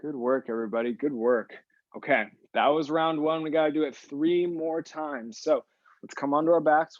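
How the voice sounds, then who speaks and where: A man's voice: medium pitch, dry recording, muffled recording. A man coaching a live workout class, cueing moves and encouraging the group while breathing with exertion. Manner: encouraging, repeats short praise to the group. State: exertion, audible sighing breaths. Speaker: fitness instructor.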